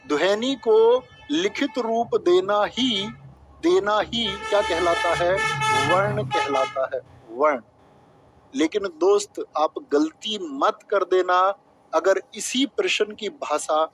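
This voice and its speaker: A man's voice: sits high, breathy edge, rough recording. A man teaching a grammar lesson for exam prep, explaining step by step and asking questions he then answers himself.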